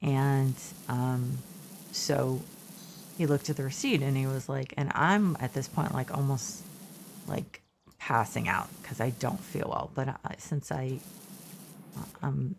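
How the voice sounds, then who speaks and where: Over slight background noise, a middle-aged woman speaks slowly in an extremely low, creaky voice. While streaming a game, she wanders through a casual story, correcting herself and commenting on her gameplay.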